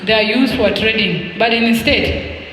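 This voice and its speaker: A man from South Sudan with a South Sudanese English accent, giving a formal public speech at an expo launch, deliberate and emphatic with rhetorical questions and repetition. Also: high-pitched, pushed and bright, a little hiss or hum. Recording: echoey hall with long reverb.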